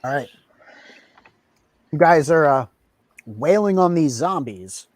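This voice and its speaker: A man's voice: fairly high pitch, lively intonation, slow, dry recording. A man running a tabletop game as game master, laid-back and laughing often as he counts out moves.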